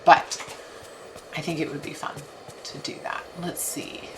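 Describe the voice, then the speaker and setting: This streamer, a woman in her thirties, talks low and level, a little slowly, as she plays a video game and casually gushes and jokes with viewers. Game music sits behind her, along with some background noise.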